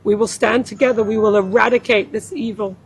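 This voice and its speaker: A woman's voice: mid-range voice, fairly even intonation, a little fast, slight background noise, low-quality recording. A woman, speaking earnestly and with passion as an interview guest who runs a community center. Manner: earnest and impassioned, rising when quoting others. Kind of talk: emotional interview testimony.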